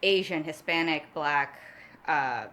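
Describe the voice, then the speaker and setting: A woman from New York City, a guest in a casual chat, talking animatedly and acting out quotes with frequent laughs. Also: slow. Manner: animated, acts out quotes in a high voice, laughs often.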